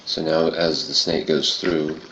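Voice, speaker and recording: A man with a gravelly, throaty voice, casually narrating a software tutorial in a muffled, roomy home recording. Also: very deep voice, flat delivery, a little slow, slight background noise. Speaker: tutorial presenter.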